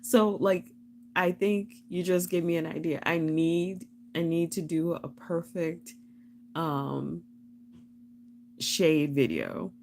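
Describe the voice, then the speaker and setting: A woman's voice: fairly low pitch, steady tone, takes it slowly, a little mellow, a little hiss or hum. A young woman hosting a casual live stream, chatting and rambling with frequent laughs.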